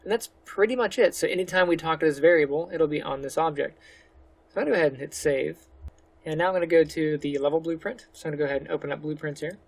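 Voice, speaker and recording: A man hosting a casual screen-recorded game development tutorial, his voice gravelly and pitched a touch high. He speaks relaxed and a little slurred, talking through each click with easy fillers. He sounds close to a desktop mic. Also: fast talker. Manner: relaxed, slightly slurred speech; talks through each step with fillers like "go ahead".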